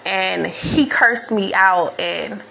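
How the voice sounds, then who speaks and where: A woman's voice: mid-range voice, takes it slowly, creaky, sharp tone. A woman in her thirties telling a personal story in a candid, casual, profane way, full of fillers.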